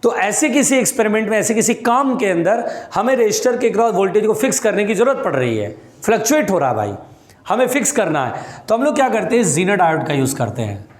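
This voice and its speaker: A man's voice: high-pitched, big pitch swings, brisk, echoey room. A man teaching physics in a classroom, repeating his points, calling students "beta" and scolding anyone who chats. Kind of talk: classroom lecture.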